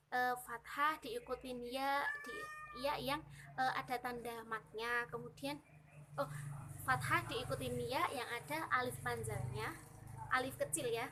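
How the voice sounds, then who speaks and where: A young woman with an Indonesian accent explaining Quran recitation rules in a casual, chatty way, slowly chanting the example verses. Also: high-pitched, background noise. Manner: chatty explaining, frequent "gitu" and fillers, slow drawn-out recitation of examples. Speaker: student teaching Quran recitation.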